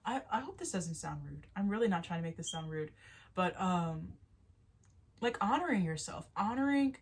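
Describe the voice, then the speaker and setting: A woman's voice: lowish voice, animated, normal speed, breathy edge. A young woman with a stuffy nose giving a casual, earnest tarot reading, rambling with restarts and little laughs. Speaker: spiritual tarot reader. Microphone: solo video to camera.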